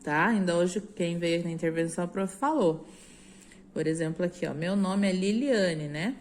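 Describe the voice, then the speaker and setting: A woman teaching young children, speaking slowly and sounding out each syllable clearly, then asking them to repeat after her. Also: lowish voice. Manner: slow, sounds out syllables clearly, asks for repetition. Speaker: primary school teacher. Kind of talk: recorded remote class explanation.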